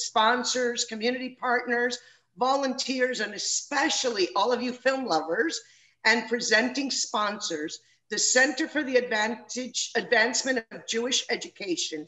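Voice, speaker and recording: A middle-aged woman hosts a conversation over a video call, her voice sitting a little high. She speaks earnestly and personally, with a few fillers as she gathers her thoughts. She is at home, in front of a webcam. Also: fairly bright tone, low-quality recording. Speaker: moderator. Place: home room indoors.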